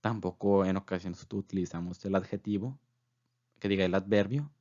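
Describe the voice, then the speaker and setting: Low-voiced man teaching German slowly. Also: fairly even intonation, darkish tone, highs cut off. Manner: slow, careful repetition of example phrases; filler "pues" between phrases. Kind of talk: voice-over language lesson.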